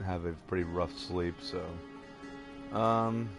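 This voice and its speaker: Man, low voice, gravelly, tired, rambling let's play commentary, hesitant. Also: fairly even intonation, slow pace, music in the background. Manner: rambling, hesitant, chuckles at himself. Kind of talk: casual gameplay commentary.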